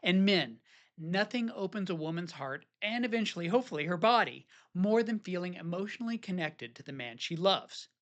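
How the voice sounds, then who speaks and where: A man's voice: high-pitched, lively intonation, fairly quick, muffled recording. Earnest man coaching husbands. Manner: earnest, coaching, acts out sample phrases. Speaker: marriage therapist. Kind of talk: scripted advice talk to men.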